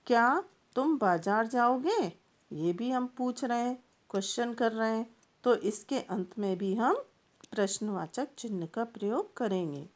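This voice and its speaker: A woman teacher giving a patient classroom explanation, pausing often and repeating points with plain examples. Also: a little high, darkish tone.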